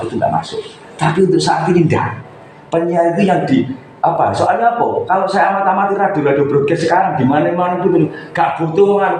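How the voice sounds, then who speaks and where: A man coaching members at a meeting, chatty and lecturing, with lively asides. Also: on the high side, slight background noise. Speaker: coordinator of a local radio community. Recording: echoey room, faint background ambience.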